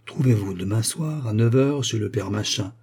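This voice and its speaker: A man reading an audiobook and voicing a hoarse, cynical male street thug who talks slangy and boastful. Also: lowish voice, lively intonation, normal speed, a little mellow. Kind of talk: audiobook character voice.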